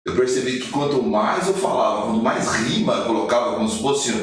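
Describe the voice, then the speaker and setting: A man in his forties, a podcast guest and motivational speaker, telling his life story in an animated way and acting out the quoted lines. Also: medium pitch, fairly quick, very echoey, far from the mic. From Brazil. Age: 40s.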